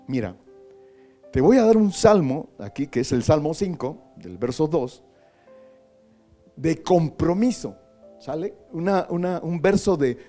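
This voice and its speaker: A man with a Mexican accent, a pastor preaching a sermon in a chatty way, repeating words and asking questions, then swelling into loud, drawn-out prayer. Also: a little high. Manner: conversational, repeats words, asks the congregation.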